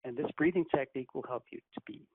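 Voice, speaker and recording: A man leading a guided breathing meditation as a channeler on a group call, speaking in a measured, commanding, instructive way. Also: medium pitch, slightly rough, no room sound. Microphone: conference call phone. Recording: tinny phone line with faint hiss.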